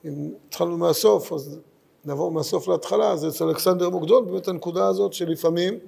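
Man teaching, high gravelly voice. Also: steady tone, darkish tone. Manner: thoughtful, searching for words, speaks in short phrases. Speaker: Torah teacher. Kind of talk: Midrash study lesson.

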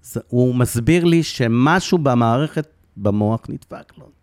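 A middle-aged man telling, with deep emotion, the story of losing his son, often repeating phrases for emphasis. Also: animated, darkish tone, clear, resonant tone, dry recording, studio quality. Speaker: guest, bereaved father.

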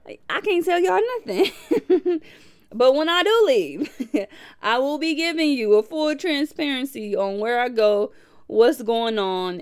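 A woman in her twenties from Milwaukee, hosting a podcast in a casual, animated way and laughing often. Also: medium pitch, clear, resonant tone. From Milwaukee, USA. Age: 20s. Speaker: podcast host. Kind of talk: casual reflective podcast talk.

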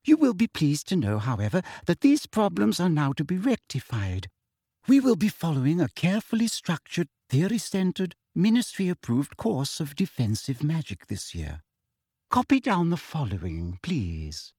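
A prim middle-aged witch teacher, put on by a male narrator, all syrup and condescension in a storybook reading. Her voice swoops wildly up and down with a breathy, husky edge. She drags out each phrase as if talking to small children, in a dry, close sound. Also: a little high, sing-song, mellow, no echo, pitched above the performer's own voice, full character voice. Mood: sugary, patronizing. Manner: sweet, sing-song, condescending, slow drawn-out phrases. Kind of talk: audiobook character voice.

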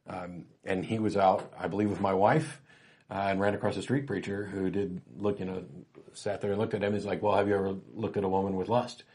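Low-voiced man hosting a call-in show. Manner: wry, relaxed storytelling with frequent fillers; grows emphatic and lively when arguing. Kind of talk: casual call-in talk.

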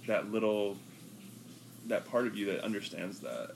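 A man chatting casually on a podcast, relaxed and rambling with lots of fillers. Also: on the low side, normal speed, creaky, a little hiss or hum, poor audio. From US West Coast. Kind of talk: casual chat.

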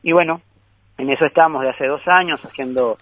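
Speaking briskly in a fairly high voice, this man is a guest filmmaker discussing his group's projects during a phone interview. He wanders and restarts often as he thinks aloud, and the tinny line has no echo.

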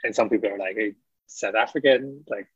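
Here the same kind of guest, a Scottish ecologist in his thirties with a mild mixed accent, talks fairly quickly in a low, husky voice, laughing often during the casual interview. There's no echo; the sound is dull, dry, and lo-fi.

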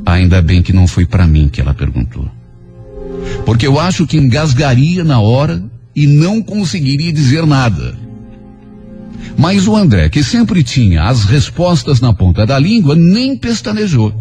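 A man narrating a dramatic first-person story for radio in an expressive storytelling voice. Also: mid-range voice, normal speed. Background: soft music.

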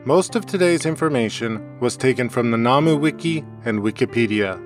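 A man hosting a homemade podcast, reading a scripted lesson in a measured, explanatory way. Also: medium pitch, expressive, faint music behind. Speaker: podcast host. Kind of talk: scripted educational narration. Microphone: close home mic.

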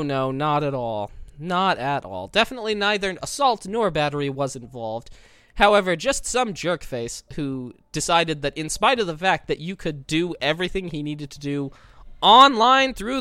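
A man's voice: fairly high pitch, a bit bright, clean tone, no room sound. A man co-hosting a podcast with wry, wordy, mock-formal storytelling, under the weather with a scratchy throat. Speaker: podcast co-host. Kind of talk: casual comic storytelling on a podcast.

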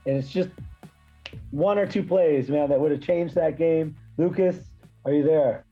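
A hoarse man who has lost his voice from yelling, hosting a casual sports podcast in a blunt, frustrated way. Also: a little high, measured pace, muffled recording, faint music behind.

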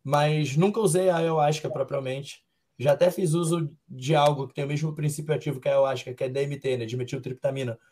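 A young man with a Brazilian accent answers interview questions at an unhurried pace. His voice sits a little higher than most men's, and he talks in a calm, reflective way, musing aloud as he speaks. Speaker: MMA fighter guest.

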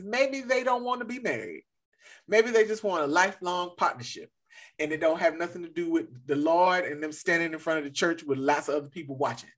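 A woman's voice: sits low, a bit bright. A woman co-hosting a casual chat podcast, rambling and riffing with laughter. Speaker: podcast co-host.

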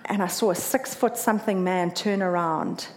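At a moderate pace and in a fairly low voice, a South African woman earnestly recounts running a marathon. Her telling is emotional, turning lively whenever she quotes other people.

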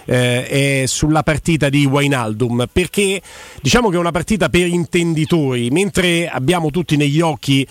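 A man's voice: a little high, normal speed, no room sound. A man hosting a conversational football talk programme on the radio. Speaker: radio sports host.

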